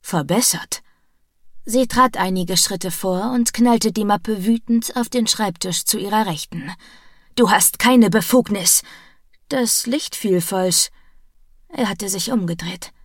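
A woman narrating a romance audiobook in a slow, deliberate, at times hushed manner. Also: medium pitch, no echo, clean studio sound.

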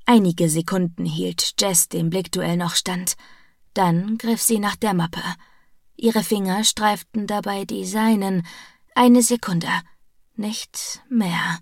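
A woman narrating a romance audiobook in a slow, deliberate, at times hushed manner. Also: medium pitch, steady tone, no echo, studio quality.

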